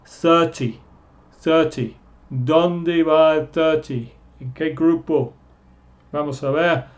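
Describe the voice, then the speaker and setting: A man teaching pronunciation in a slow lesson, drawing out and repeating each vowel sound. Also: a little high, steady tone, highs cut off. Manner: drawn-out, repeats sounds slowly. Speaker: English teacher.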